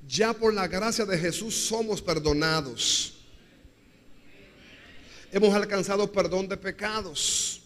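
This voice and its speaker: A man preaching with a high-pitched voice, stressing his points through repetition and calling out for the congregation to answer. His sermon rings through a church hall with a long echo. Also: takes it slowly, pauses often, a bit bright. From Dominican Republic. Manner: preaching with call-and-response to the congregation; repetitive, emphatic phrasing with shifting pace. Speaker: pastor.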